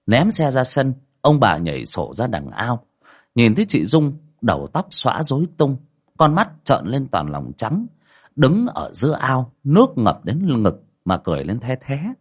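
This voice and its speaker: A man's voice: measured pace, breathy edge. A man narrating a spoken ghost story in a dramatic way. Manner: dramatic, lively pitch.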